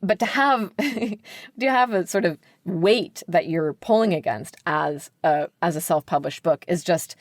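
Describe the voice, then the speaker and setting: An American book editor, appearing as a guest on a podcast, speaks candidly and emphatically, sprinkling "like" throughout. Her voice is fairly low and unhurried, captured in studio quality with no echo.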